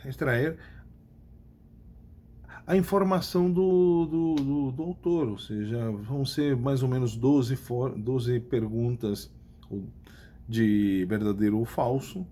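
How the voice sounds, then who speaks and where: A man's voice: medium pitch, a little mellow. Brazilian man teaching a lesson. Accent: Brazilian Portuguese. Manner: repeats key points, asks checking questions. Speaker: Spanish teacher. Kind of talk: recorded class lesson.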